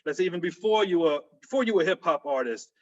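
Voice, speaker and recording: Calling his guest "my brother," the hyped, slangy interview host talks fast in a high-pitched, darkish voice with lively intonation. The casual interview comes through dull, lo-fi video call audio.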